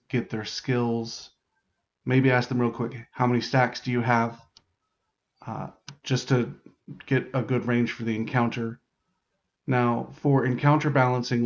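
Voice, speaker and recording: In dull-sounding audio, a man with a medium-pitched, slightly mellow voice gives an improvised, casual tutorial on writing larp game modules. As the host, he thinks aloud informally in loose phrases.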